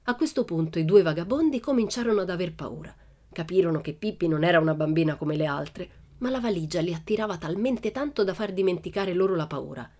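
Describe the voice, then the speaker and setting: A woman from Italy reading a children's story aloud, narrating in a lively, expressive way. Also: fairly low pitch, fast talker. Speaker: audiobook reader. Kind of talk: scripted narration.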